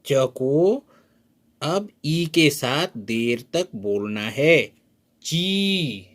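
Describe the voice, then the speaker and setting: Slow, patient teacher man. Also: fairly high pitch, lively intonation. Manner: drawn-out, sounded-out syllables and questions to the learner. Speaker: Hindi teacher. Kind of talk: slow spoken lesson at a board.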